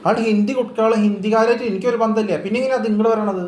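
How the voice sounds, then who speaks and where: A man's voice: high-pitched, steady tone, very fast, darkish tone. A man talking casually but insistently, lecturing and asking rhetorical questions. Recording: roomy echo with faint ambient noise.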